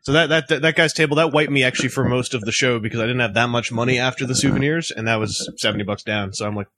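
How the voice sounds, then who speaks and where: A man co-hosting a casual podcast chat, excitable and rambling, laughing often. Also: mid-range voice, quick pace, a little hiss or hum. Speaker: podcast co-host.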